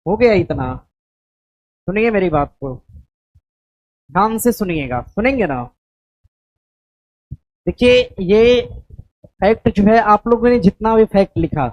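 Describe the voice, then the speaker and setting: A woman's voice: medium pitch, a little mellow, poor audio. A woman teaching an exam coaching class, quizzing her students with questions and frequent checks that they follow. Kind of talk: classroom quiz review.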